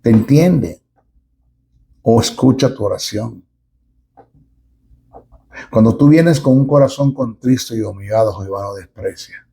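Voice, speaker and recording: A middle-aged man preaching a sermon as a pastor, emphatic and with dramatic pauses. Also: medium pitch, gravelly, warm tone, breathy edge.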